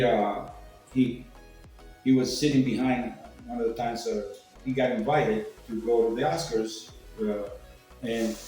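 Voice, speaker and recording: With a mellow, mid-range voice, an older man from Cuba rambles through personal anecdotes in a salty, casual way, acting out quoted remarks. The room is echoey, the mic distant, and faint music plays.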